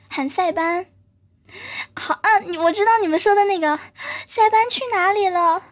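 A woman's voice: very high-pitched, a little slow, long pauses. A woman streamer chatting casually and playfully with her live viewers, often giggling and thanking them.

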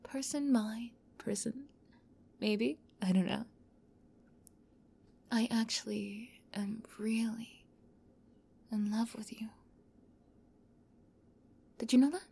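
Husky and close-miked, a woman takes the role of an obsessive young yandere captor for ASMR. She moves between soft whispering and giddy, high-pitched outbursts.

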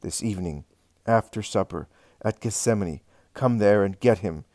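A bitter, greedy male betrayer, tense and low, as a man reads him aloud. The read is dry and close. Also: normal speed, dark tone, dry recording, close to an everyday voice. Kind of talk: reading a religious text aloud.

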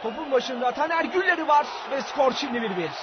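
A man's voice: extremely high pitch, lively intonation, brisk, shouting. A man commentating live on a football match, calling goals and passes. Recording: dull lo-fi broadcast, crowd and noise. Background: stadium crowd.

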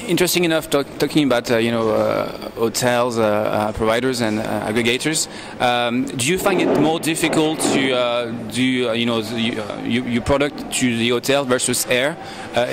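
A man interviewing a guest at a conference, asking long, halting questions full of fillers. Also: medium pitch, background noise. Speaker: interviewer, travel blogger.

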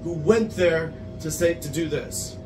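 A man in his thirties chatting with a customer in a small pizza shop, explaining things at length with lively gestures. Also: on the high side, unhurried. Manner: talkative, explains with hand gestures. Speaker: interviewer. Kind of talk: casual street conversation. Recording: roomy shop echo, distant mic, music behind.

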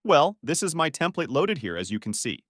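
A man talks through a software tutorial, his pitch moving in a lively way. He explains each step plainly and in order. The sound is close and dry, with no room echo. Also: moderate pace. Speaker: tutorial narrator. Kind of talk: screen-recording tutorial narration.

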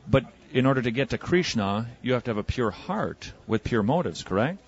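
A man debating religion on the street as an evangelist and radio host, pressing with quick probing questions. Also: medium pitch, animated, lo-fi sound. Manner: probing, rapid-fire questioning. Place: outdoors on a city street.

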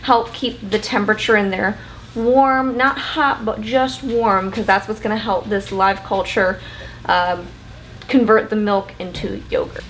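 A woman's voice: medium pitch, steady tone, unhurried, a bit bright, slight background noise, low-quality recording. Chatty woman explaining a recipe. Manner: chatty, explains steps while working, talks to camera. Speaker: homesteading cooking vlogger. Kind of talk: casual step-by-step cooking tutorial. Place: home kitchen, indoors.

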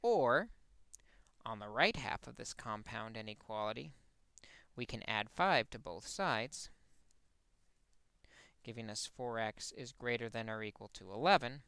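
Dry gravelly male math teacher. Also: medium pitch, animated, a little slow, pauses often, sharp tone, no echo. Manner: explains step by step, corrects his own slip. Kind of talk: recorded math lesson.

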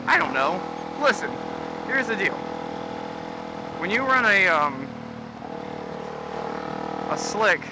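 A young man with a Texan accent rambling and swearing as he explains something while riding a motorcycle, recorded on a helmet mic. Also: high-pitched. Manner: rambling, profane, self-interrupting. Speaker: motovlogger. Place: on a motorcycle on a highway, outdoors. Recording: loud wind and engine noise. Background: motorcycle engine and road noise.

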